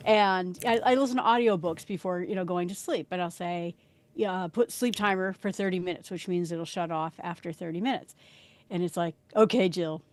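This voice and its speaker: A woman's voice: lowish voice, moderate pace. A woman panelist talking casually on a tech podcast, telling anecdotes by acting out short exchanges.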